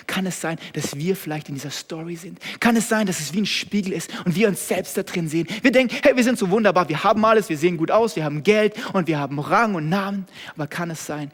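A young German man preaching a sermon, switching between loud, energetic calls and hushed asides. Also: on the high side. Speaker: pastor. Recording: long hall reverb.

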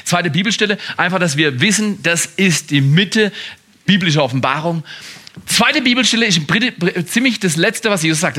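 Pastor guy giving a sermon, swoops up and down a lot, jokes around and gets pleading. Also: on the high side. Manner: lively, joking asides, frequent laughter; pleading, emphatic preaching.

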